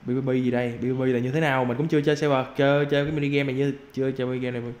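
A young man giving casual gameplay commentary as a YouTuber, excitable and quick to yelp and repeat his exclamations. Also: medium pitch. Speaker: gaming YouTuber. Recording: roomy with faint background noise.

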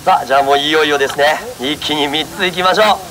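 A man's voice: a little high, fast, a crowd in the background. A man performing a street monkey show, jokingly scolding and coaxing his monkey while politely talking to the audience. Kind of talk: live street show banter with a crowd. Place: outdoor autumn festival. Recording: noisy outdoor festival ambience.

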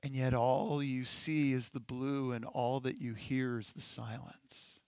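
A male pastor leading a congregation through a slow, gentle guided-imagery meditation in a sermon. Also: medium pitch, flat delivery, clear, resonant tone, dry recording. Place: church sanctuary.

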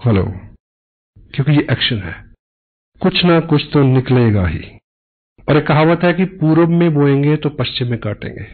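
A man's voice: on the high side, lively intonation, moderate pace, long pauses. Tinny-sounding motivational speaker, man. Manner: preachy, mixes Hindi and English, tells parables with voiced dialogue. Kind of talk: motivational talk to an audience.

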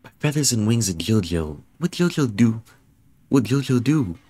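A man's voice: mid-range voice, sing-song, moderate pace, warm tone, husky, voice pushed up. A man reading out a chirpy little creature merchant. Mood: eager. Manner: reading game lines aloud in clipped broken speech.

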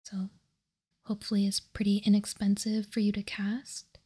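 In hushed, deliberate ASMR fashion, a woman whispers commentary card by card, close to the microphone. She hosts a card game ASMR channel, and her mid-range whisper is breathy and unvoiced.

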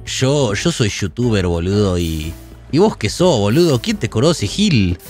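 A man's voice: on the low side, very animated, a little slow, a little mellow, soft background music, voice pushed down. A man putting on an exaggerated, imitated Argentine accent as a brash young guy, drawling slang. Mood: mocking.

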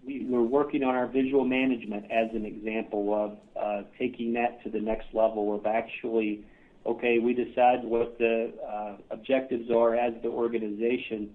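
A man's voice: mid-range voice, little pitch movement, normal speed. A man with a Midwestern American accent, a clinic chief executive answering podcast questions earnestly, with many filler "uh"s. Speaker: clinic CEO guest. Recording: tinny phone line.

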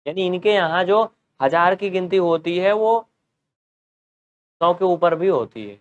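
A man's voice: high-pitched, animated, unhurried, lo-fi sound. A man giving a step-by-step maths lesson at a board, asking his students questions and answering them himself. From North India. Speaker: teacher.

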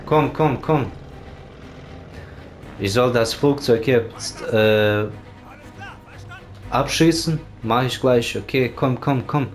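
A let's play gamer with a mid-range voice talks slowly, leaving long pauses, as he casually comments on his gameplay. He swears often and urges the game on with repeated words, his voice sitting over loud game music and gunfire.

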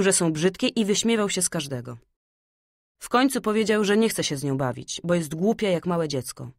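Woman reading a fairy tale audiobook, low voice, calm and measured, dry close sound. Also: dry recording. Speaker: audiobook narrator. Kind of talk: scripted fairy-tale narration.

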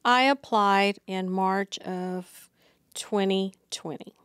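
A middle-aged woman talking as an interview guest in a small studio, unhurried and full of fillers. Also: mid-range voice, fairly even intonation, fairly bright tone, clean tone, no echo. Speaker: district receptionist, guest. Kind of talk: casual interview. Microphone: podcast mic on boom arm.

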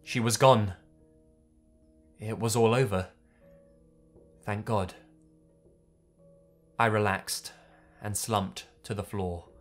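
A man's voice: fairly low pitch, fairly bright tone. A man reading a horror story aloud in the first person, tense and dramatic. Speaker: narrator. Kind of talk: scripted horror story narration.

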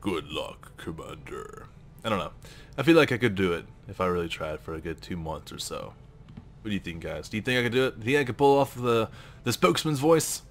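A man narrating his own gameplay in a casual, chatty way, full of enthusiasm. His voice sits a little low, but his pitch jumps around a lot as he talks. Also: lively intonation, fast talker, slight background noise. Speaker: let's play host.

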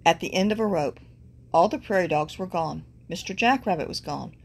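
A woman reading a children's book aloud, expressively, pausing to point out the pictures. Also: lowish voice, gravelly, darkish tone, slightly rough. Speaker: storybook reader.

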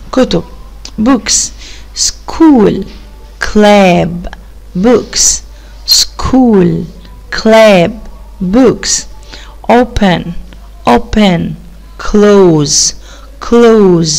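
A woman's voice: mid-range voice, creaky, darkish tone. Patient woman teaching children English. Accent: Egyptian Arabic. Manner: patient, praising, asks children questions; repeats English words slowly for the class. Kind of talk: explaining a primary-school English lesson.

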